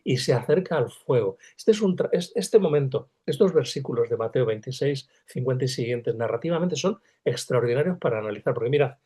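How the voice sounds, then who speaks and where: A man, a literature professor from Spain, lecturing over a video call and acting out the quoted lines with big jumps in pitch. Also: a little fast, hardly any pauses, husky. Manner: animated, acts out quoted dialogue with sudden pitch jumps.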